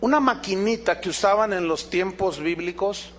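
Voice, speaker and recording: A man preaching a sermon as pastor, animated, asking the congregation rhetorical questions and acting out dialogues. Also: high voice, normal speed.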